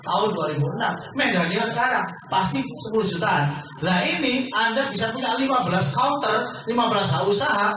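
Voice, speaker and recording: Persuasive high-voiced man in echoey hall. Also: fairly quick, pushed and bright, far from the mic, slight background noise. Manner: persuasive, keeps addressing listeners as sir and quizzing them. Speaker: business opportunity presenter. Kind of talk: sales seminar pitch to an audience.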